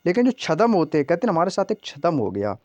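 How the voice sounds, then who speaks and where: A man's voice: fairly high pitch, very animated, fast talker, a little mellow, dry recording. A man teaching an exam-prep grammar lesson, often asking questions and answering them himself. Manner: repeats questions to the class, calls listeners "friends". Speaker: Hindi teacher.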